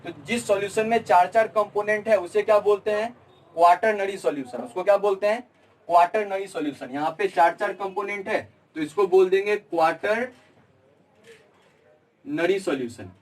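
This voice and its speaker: High-voiced man teaching chemistry. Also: recorded from a distance, poor audio. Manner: repeats his own questions and answers them. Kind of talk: classroom lecture at a board.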